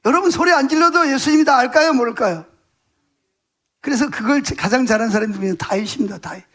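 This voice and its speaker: A man's voice: extremely high pitch, fast, a bit bright. A man preaching a Sunday morning sermon as pastor, emphatic and colloquial, firing rhetorical questions at his congregation. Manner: repeats words for stress, colloquial.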